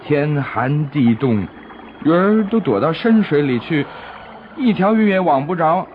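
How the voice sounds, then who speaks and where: A man's voice: a little high, animated, unhurried, a little hiss or hum. A man narrating a scripted story for children, explaining things simply and expressively as if to small listeners. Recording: dull lo-fi recording with music behind.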